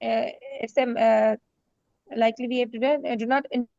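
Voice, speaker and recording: A woman's voice: fairly high pitch, fairly even intonation, normal speed, creaky, a little mellow, no echo. A female trainee doctor answering hesitantly with many fillers, her voice breaking up and cutting out over an online call. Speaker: trainee doctor in case discussion. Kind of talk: answering in online exam practice. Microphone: video call. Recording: dull lo-fi online call audio.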